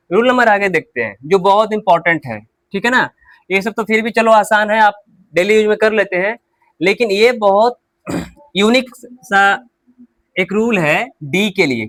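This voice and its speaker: A man's voice: high voice, a bit bright, no room sound. A male English teacher with a Hindi accent, teaching pronunciation in Hindi, who drills words over and over and answers his own questions. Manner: repetitive drilling, asks questions and answers them himself. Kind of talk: spoken English lesson in Hindi.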